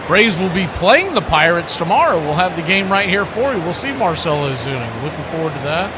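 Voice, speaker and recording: High-voiced man calling baseball play-by-play. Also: fairly quick, heavy background noise. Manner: steady, matter-of-fact game calling. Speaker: play-by-play announcer. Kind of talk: radio-style baseball commentary.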